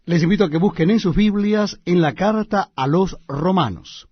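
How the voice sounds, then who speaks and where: A man reading the Bible aloud as host, in solemn, measured, declamatory narration with deliberate pauses between phrases. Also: sits high, husky, no echo, dull audio.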